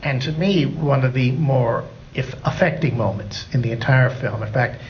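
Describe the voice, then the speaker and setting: A man's voice: medium pitch, normal speed, dull audio, slight background noise. A man, a film critic, hosting a live cinema Q&A, asking questions in a folksy, jokey way. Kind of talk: live Q&A moderation. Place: cinema auditorium with audience.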